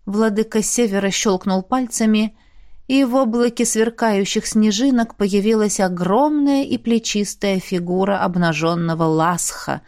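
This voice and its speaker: Woman reading a fantasy audiobook, steady even narration, medium voice. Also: medium pitch.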